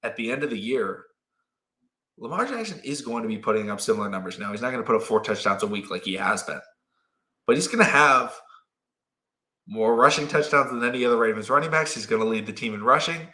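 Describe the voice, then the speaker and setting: A young man hosting a sports talk show, arguing his points and acting out players in quick quoted asides. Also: mid-range voice, expressive, sharp tone. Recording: roomy echo.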